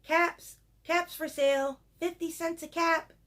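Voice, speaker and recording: A woman's voice: very high-pitched, steady tone, a little slow, a bit bright, pitched above the performer's own voice. A woman voicing an exasperated male cap peddler in a storybook read-aloud, calling out and scolding. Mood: hawking.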